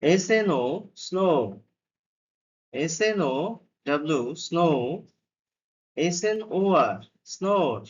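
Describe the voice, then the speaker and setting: Guy doing a kids spelling lesson, super slow, spells each letter then sounds it out, kinda muffled lo-fi audio. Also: a little high, lively intonation. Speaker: phonics teacher.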